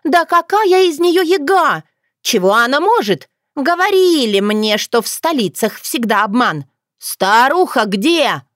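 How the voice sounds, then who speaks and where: A woman voicing a brash, jealous young village girl who talks in a shrill, squabbling way. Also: sing-song, measured pace, dry recording, clean studio sound. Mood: outraged. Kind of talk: audiobook character voice.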